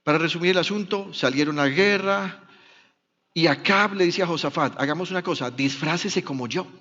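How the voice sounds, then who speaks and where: A man's voice: high voice, a little fast, sharp tone, lo-fi sound. Colombian man preaching in a reverberant church. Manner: dramatic storytelling, acting out biblical dialogue. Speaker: pastor. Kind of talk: sermon.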